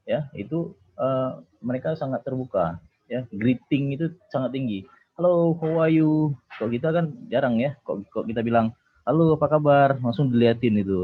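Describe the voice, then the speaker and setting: A man, a doctor, giving an online seminar talk in a relaxed conversational way, with many filler sounds and tag words. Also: medium pitch, dry recording, phone-quality sound.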